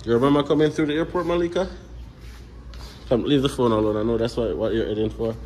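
Talking fast in a mid-range voice, a Jamaican-accented dad and family vlogger gives a casual walkthrough of a small airport terminal indoors, chatting to the camera in a relaxed manner. The audio is poor, with a little hiss or hum.

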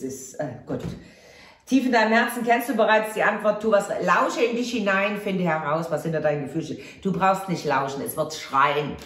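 A woman doing a casual tarot reading to camera, effusive and exclamatory, addressing viewers fondly. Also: mid-range voice. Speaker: tarot card reader. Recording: roomy echo.

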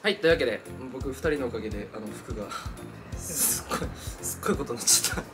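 A man's voice: medium pitch, expressive, very fast, over music. A man in his twenties chatting casually and playfully in a group video. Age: 20s. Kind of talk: casual playful vlog chat. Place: small room, on a sofa.

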